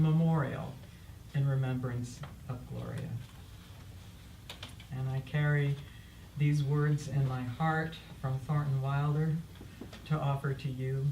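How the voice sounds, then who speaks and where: A funeral officiant giving closing words and prayer at a memorial, in a measured, reverent manner. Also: medium pitch, steady tone, mellow. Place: echoey indoor memorial service space. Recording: distant mic in echoey room, faint noise.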